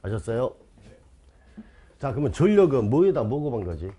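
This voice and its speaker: A man teaches an exam-prep class online, his husky voice swooping up and down as he fires rhetorical questions at his students. His tone is mellow and warm, and he drives each key term home by repeating it. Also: medium pitch, big pitch swings, normal speed. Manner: insistent, repeats key terms emphatically. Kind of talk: online lecture.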